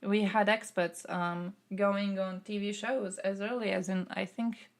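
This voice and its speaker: Croatian woman, gravelly casual streamer voice. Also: mid-range voice, fairly even intonation, a little slow. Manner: thinking aloud with fillers, reads chat questions out. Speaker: streamer answering chat. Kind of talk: casual political chat.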